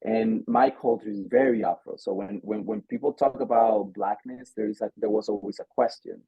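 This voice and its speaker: A man's voice: lowish voice, creaky, husky, no room sound, muffled recording. A man from the Caribbean hosting an artist information session over a video call, speaking with many restarts and repeated words. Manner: halting, many restarts, animated. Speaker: artist relations director.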